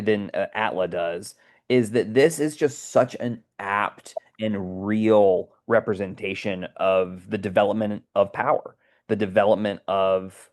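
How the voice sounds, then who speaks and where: Earnest male podcast host, low voice. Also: a little mellow. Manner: earnest, keeps checking with "right?". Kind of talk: casual discussion.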